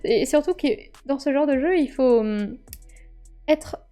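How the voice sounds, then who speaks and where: A woman's voice: high-pitched, expressive, measured pace, dark tone. A woman streamer chatting casually about her favorite board games, bubbly and laughing often as she acts out little scenes. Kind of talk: casual live-stream game review. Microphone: streaming microphone.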